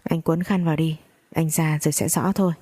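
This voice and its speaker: A stern younger brother , as a woman narrator reads him, speaking with cold reproach. The voice is low, dark and husky, recorded dry and close. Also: steady tone, fairly quick, dry recording. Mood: calm.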